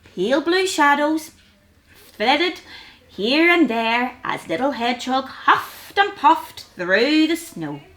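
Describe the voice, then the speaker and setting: Casting: female children's story reader, high, very expressive, sing-song and unhurried. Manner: sing-song, deliberate phrasing. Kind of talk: animated storybook narration for young children.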